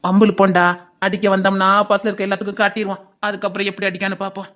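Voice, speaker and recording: A woman's voice: medium pitch, flat delivery, rapid-fire. A woman with a Tirunelveli accent performing a comic sketch, chattering nosily and teasing like a gossiping bus passenger. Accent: Tirunelveli Tamil. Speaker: sketch comedian.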